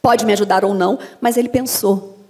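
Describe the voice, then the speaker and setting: A woman with a Brazilian accent, a voice actress and dubbing director, giving a lively talk to an audience and acting out anecdotes as she goes. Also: mid-range voice, fairly quick. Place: lecture hall. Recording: long reverb of a hall.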